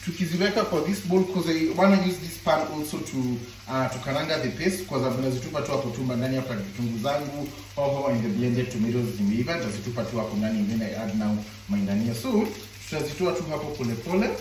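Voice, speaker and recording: A man with a Kenyan accent giving a relaxed, chatty home cooking tutorial, switching between Swahili and English. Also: medium pitch, fast talker, few pauses, slight background noise. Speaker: home cook vlogger. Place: home kitchen. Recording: echoey kitchen with loud frying sizzle.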